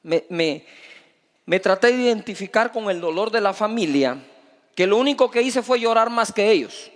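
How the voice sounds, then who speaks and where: A high-voiced man preaches a sermon in a large hall. He throws out rhetorical questions and moves between loud and soft. A long reverb trails after his words. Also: expressive, normal speed. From Guatemala. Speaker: pastor.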